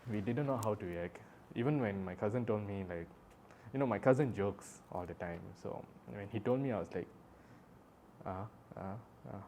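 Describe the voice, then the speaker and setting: A young man with a slightly low voice speaks in a halting, rambling way. He restarts often, fills his pauses and sounds emotional and apologetic. A faint background hum sits under his voice. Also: mellow. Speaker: vlogger. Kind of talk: personal storytelling monologue.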